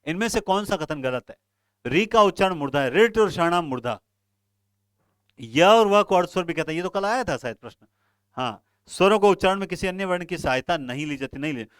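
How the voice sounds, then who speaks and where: A man teaches an exam-prep lesson. He advises his students earnestly and directly. His voice sits a little high, sounds smooth and clear, and the recording is close and dry. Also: fairly bright tone, no room sound.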